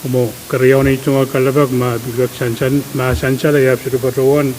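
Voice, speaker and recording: A man delivers a legislative floor speech as a lawmaker. His middle-pitched voice rings in a reverberant hall, with steady hiss behind it. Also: quick pace. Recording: noisy hiss, echoey hall.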